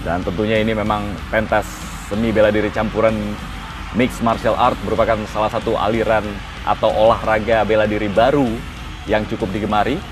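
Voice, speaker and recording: A man with an Indonesian accent giving live play-by-play fight commentary, with music behind him. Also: on the low side.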